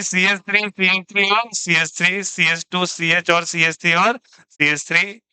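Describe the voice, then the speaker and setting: Bright-voiced teasing chemistry teacher. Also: male voice, high-pitched, clean tone, no echo, low-quality recording. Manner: teasing, jokey, asks students to answer. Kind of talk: lively classroom lecture.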